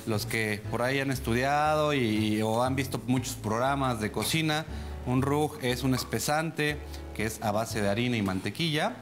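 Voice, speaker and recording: A man's voice: mid-range voice, moderate pace. Man, 30s, TV cooking demo, explanatory, lapel mic, music bed behind. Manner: explanatory, addresses viewers directly with frequent "¿vale?". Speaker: TV cooking show chef. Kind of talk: cooking demonstration. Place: TV studio kitchen set.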